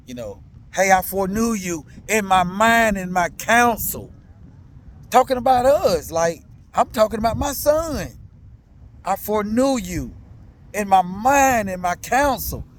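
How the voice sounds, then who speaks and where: A father in his thirties or older tells his own story in candid, slangy language, animated and repetitive, constantly stopping to ask listeners whether they follow. His voice is high, and the recording has a little hiss or hum.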